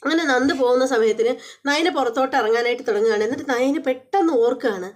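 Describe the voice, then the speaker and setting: A young woman host casually retelling a television serial episode, chatty and full of little filler words and quick self-corrections. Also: high-pitched. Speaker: serial review channel host. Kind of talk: casual episode recap storytelling.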